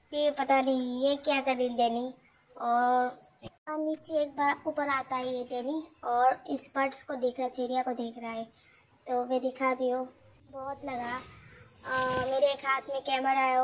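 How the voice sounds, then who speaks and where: A woman's voice: high voice, slight background noise, rough recording. A woman narrating a casual vlog as she cares for a hurt bird and scolds her dog. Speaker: vlogger.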